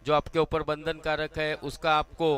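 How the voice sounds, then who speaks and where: A man with an Indian accent giving live, excited cricket commentary, effusive and dramatic as he calls the big hits. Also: a little high, normal speed, smooth.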